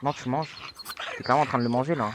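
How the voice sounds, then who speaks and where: A young man giving casual let's-play commentary, taunting and excitable, with sudden high-pitched yelps. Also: quick pace, background noise. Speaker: gaming youtuber.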